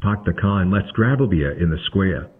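A male text-to-speech voice playing a virtual host avatar, flat and synthetic, trying for a Boston accent. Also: deep voice, moderate pace, narrow, tinny audio, a little hiss or hum. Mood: stiff. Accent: attempted Boston.

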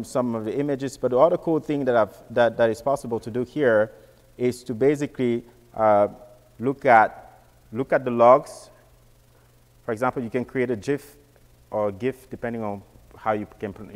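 A man's voice: mid-range voice, in a large hall. A man giving a casual technical walkthrough, often repeating words and restarting phrases. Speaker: presenter.

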